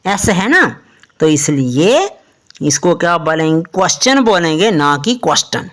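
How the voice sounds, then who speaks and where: A woman teaching English pronunciation in Hindi, spelling out letters slowly and asking the listener questions as she explains. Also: sits low, animated. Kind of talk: explanatory lesson.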